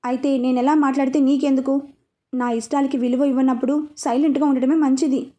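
A woman's voice: high voice, flat delivery, a little fast, warm tone, natural voice. A woman playing a defiant, tearful young student. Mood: sulky. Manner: sulky, defiant.

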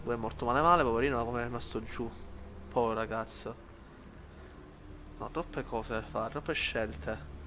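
A man giving lively commentary while playing a shooter game, shouting at enemies and muttering between fights. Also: medium pitch, moderate pace, pauses often, background noise. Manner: excitable, yells at enemies, then mutters to himself. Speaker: gaming YouTuber.

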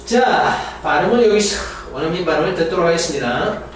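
A man teaching English grammar, reading English examples slowly and explaining them in Korean, often repeating words and correcting himself. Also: a little high, animated, very echoey, far from the mic, a little hiss or hum, rough recording. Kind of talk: lecture on grammar.

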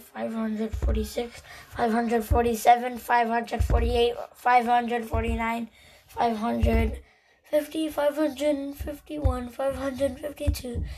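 Woman counting out loud super slow on her vlog, slightly high voice, desk mic. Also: creaky, low-quality recording. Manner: slow, steady number counting with chatty asides. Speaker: channel host. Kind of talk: casual counting challenge vlog. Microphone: desk microphone.

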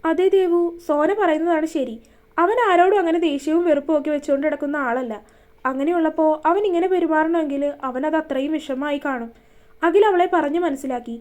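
A woman's voice: sits high, brisk, a little mellow. A woman reading a romance story aloud, voicing every character's dialogue in her own voice. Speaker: narrator.

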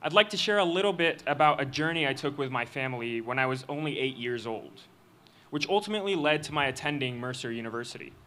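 A young man giving a student speech at a graduation ceremony, reading a prepared text into a podium microphone in an earnest, measured way. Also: fairly high pitch, bright, forceful tone. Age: young adult. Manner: earnest, measured delivery with occasional slips. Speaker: student commencement speaker. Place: outdoor stage of a graduation ceremony.

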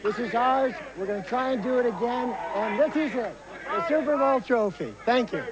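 A man's voice: very high-pitched, moderate pace, rough recording. A man who is a team president, giving a brief, grateful speech accepting a trophy. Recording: loud crowd behind.

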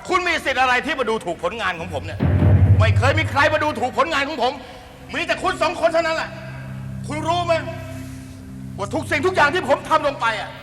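An actor playing a pompous, touchy crackpot scientist in a sketch comedy, grandiose and indignant in a theatrical way. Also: male voice, very high-pitched, expressive, fairly quick. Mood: wounded, indignant. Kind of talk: broadcast sketch comedy acting. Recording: echoey hall, loud music behind.

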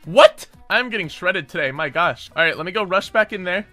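A man giving excitable gameplay commentary as a gaming YouTuber, often yelling and laughing at the game. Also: high-pitched, a little fast, faint music behind.

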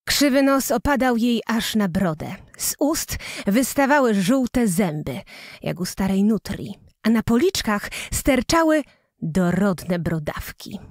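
A woman reading a fairy tale aloud as a storyteller, in an expressive, playful manner. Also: fairly high pitch, no room sound, clean studio sound.

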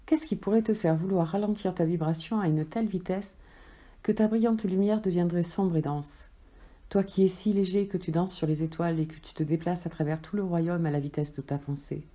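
A woman voicing an eager, wide-eyed little soul, asking questions in an excitable, sweet way. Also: fairly low pitch, fairly quick, natural voice. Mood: wondering.

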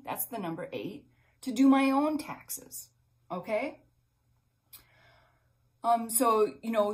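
A middle-aged woman giving a casual spiritual pep talk as a numerology reader, rambling and heartfelt, full of fillers and restarts, often dropping to a soft murmur. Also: mid-range voice, low-quality recording. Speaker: numerology and intuitive guidance reader.

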